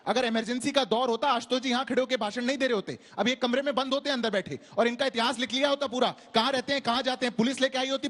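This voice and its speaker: A man's voice: very high voice, a bit bright. A man arguing as a party spokesperson in a heated televised debate, combative and rhetorical, talking over his opponents.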